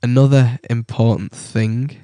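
A young British man with a cold, presenting a coding tutorial in a halting, casual way with many ums. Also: mid-range voice, flat delivery, mellow, no echo, clean studio sound. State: has a cold.

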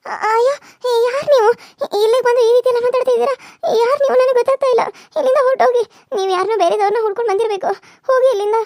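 A woman's voice: extremely high pitch, fairly even intonation, vocal fry, darkish tone, dry recording, clean studio sound. A woman voicing a distressed young village wife in a cartoon serial, pleading and tearful. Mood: alarmed. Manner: pleading, tearful, fast and pressing.

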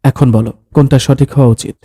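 A man's voice: mid-range voice, steady tone, quick pace, mellow, no echo. A man reading a story aloud, voicing a husband who patiently explains things like a teacher, recorded close in a dry booth. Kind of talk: scripted story narration of dialogue.

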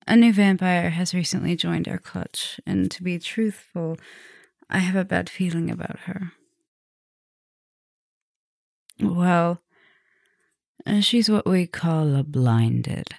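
Here a woman plays a dominant female vampire professor for an intimate ASMR roleplay, speaking softly and unhurriedly in an exaggerated voice that sits low. She murmurs with affection and teasing through a gravelly fry, yet the mood comes across as worried and confiding. The recording is close and very dry, with no room sound.

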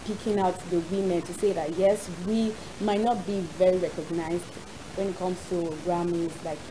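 A young woman, presenting a segment in casual studio chat, animated and quick to laugh. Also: lowish voice, noisy background. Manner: animated, laughs often, acts out quotes. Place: TV studio, seated with co-hosts.

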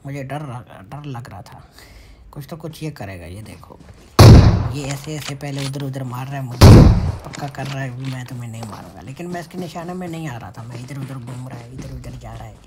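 A man giving casual commentary over his own mobile game matches, excitable and muttering to himself. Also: medium pitch, normal speed. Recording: noisy with game gunfire behind. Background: gunfire and game sounds.

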